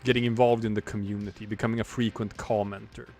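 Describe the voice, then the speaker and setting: Drawing during a relaxed livestream, this forties-aged comic artist and streamer muses aloud in a wandering, reflective way, frequently starting sentences over. He talks fast in a lowish, darkish voice that barely moves in pitch, over faint background music.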